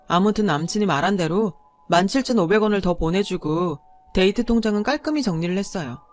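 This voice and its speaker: A woman in her thirties narrating a scripted first-person story in an even, confiding way. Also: mid-range voice. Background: faint background music.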